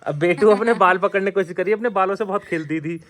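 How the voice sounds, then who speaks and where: A man's voice: sits high, fast talker, crowd noise. A man narrating his family vlog casually on the move, giving running commentary to the camera. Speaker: family vlogger. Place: outdoors and around the home, on the move. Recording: noisy phone vlog audio.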